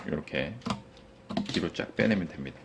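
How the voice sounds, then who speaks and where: A man's voice: extremely low pitch, animated, moderate pace, vocal fry, a little hiss or hum. A man who runs a computer shop, casually walking through a PC case build with plain, informal talk and fillers. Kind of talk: casual hands-on product walkthrough.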